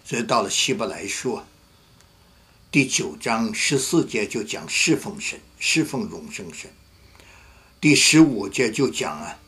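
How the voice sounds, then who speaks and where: A man's voice: fairly low pitch, fairly bright tone, breathy edge. A man, a pastor, preaching a sermon and telling a story vividly, acting out the voices of the people he quotes.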